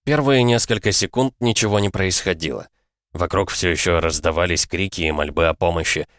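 A man narrating fiction for an audiobook in a measured, dramatic way, on a close mic. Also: low-pitched, fairly bright tone, no room sound.

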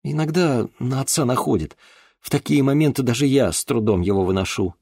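A man's voice: fairly quick, gravelly, husky, no room sound, clean studio sound. A man voicing a headstrong teenage girl who argues back at her strict father in an audiobook. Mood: apologetic. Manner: high, sharp and indignant. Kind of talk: audiobook character voice.

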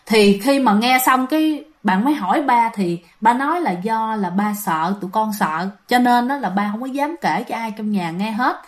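A woman's voice: a little high, lively intonation, normal speed, hardly any pauses. A woman with a Southern Vietnamese accent telling ghost stories in a chatty, casual way, often addressing her listeners directly. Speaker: ghost story narrator. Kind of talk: casual spoken storytelling.

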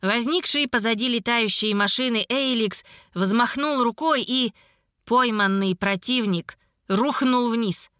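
A woman reads a fantasy novel aloud with brisk, expressive narration. Her voice is fairly high and very bright, with a dry, close sound. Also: no room sound. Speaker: audiobook narrator.

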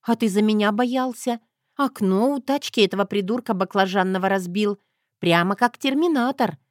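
A woman's voice: mid-range voice, dry recording, studio quality, natural voice. A woman voicing a sassy, defiant young wife who keeps snapping back, in an audiobook. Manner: sassy, quick to snap back.

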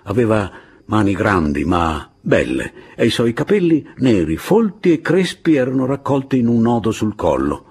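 A man reads a novel aloud with a very husky, rough-edged voice set low. His delivery is deliberate and expressive, and his pitch rises and falls widely. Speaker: audiobook reader. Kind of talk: literary audiobook narration.

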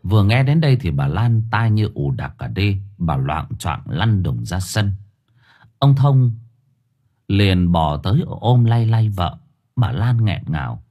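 Husky deep guy reading a village story aloud, soft music behind. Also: unhurried. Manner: dramatic, expressive telling. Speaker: audiobook narrator. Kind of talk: storytelling narration. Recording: faint music underneath.

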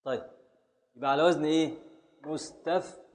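A man's voice: fairly high pitch, fairly quick, a little mellow, big-room sound. A man teaching a class in Egyptian Arabic, patiently repeating and scanning words aloud and calling on his students. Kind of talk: classroom lesson on Arabic prosody and grammar.

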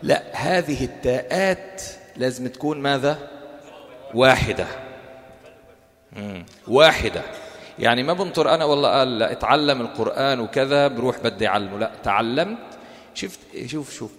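A man with a Levantine accent leads an interactive religious lesson in everyday speech. He often throws questions to his listeners and answers them himself. His mid-pitched voice rings with long reverb from a lecture hall. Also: animated, fast talker. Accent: Levantine Arabic. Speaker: Quran course teacher.

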